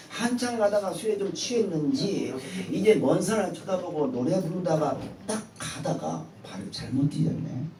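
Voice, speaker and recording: A man's voice: fairly high pitch, background noise. A male pastor preaching a sermon in a church sanctuary, telling a story and leading the congregation in call-and-response. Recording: echoey church hall from far off.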